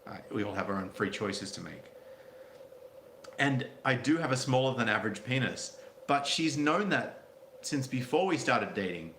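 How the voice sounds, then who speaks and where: A man's voice: medium pitch, expressive, moderate pace, a bit bright. Male commentary host, blunt and sardonic, casual read-and-react delivery, roomy echo, faint noise behind. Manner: blunt, sardonic, crude asides. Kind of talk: reading out a story with casual commentary.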